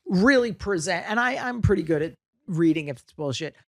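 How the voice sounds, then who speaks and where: A woman in her fifties talks as a guest comedian in a casual chat. Her voice sits on the low side. She is blunt and profane and jokes loudly. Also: lively intonation, fairly quick.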